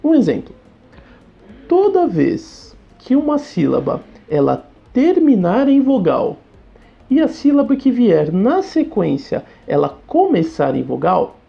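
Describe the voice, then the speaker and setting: A woman teacher with a Brazilian Portuguese accent, giving a recorded lesson that she explains step by step while asking the class quick questions. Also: medium pitch, sing-song, gravelly. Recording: slightly dull recording with faint music.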